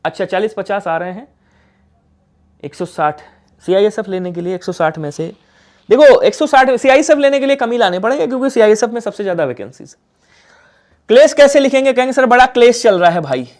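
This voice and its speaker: A man's voice: sits high, lively intonation, a little fast, long pauses, a little mellow. A man with a Hindi accent teaching a live online exam-prep class, coaxing the viewers and asking questions that he then answers himself.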